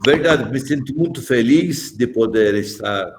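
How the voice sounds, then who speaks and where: A man's voice: mid-range voice, lively intonation, measured pace, a little hiss or hum. A man in his seventies from Malta, a bishop giving a joking, chatty catechesis talk to adults and calling on them by name. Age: 70s.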